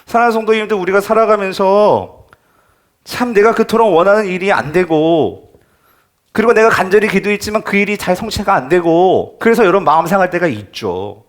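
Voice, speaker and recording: A man's voice: high voice, lively intonation, a little fast. A male pastor preaching a sermon in church, emphatic and often asking the congregation questions.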